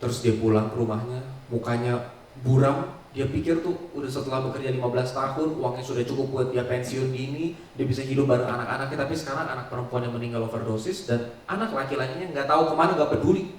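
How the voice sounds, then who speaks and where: A male pastor telling a story in a sermon, with a dramatic delivery that swings between loud and soft. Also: mid-range voice, quick pace, a little hiss or hum. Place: large church hall. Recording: echoey church hall, mic at distance.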